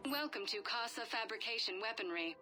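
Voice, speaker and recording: High store announcement. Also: female voice, animated, brisk, over music. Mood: cheerful. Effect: store kiosk announcement. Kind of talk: bright advertising read.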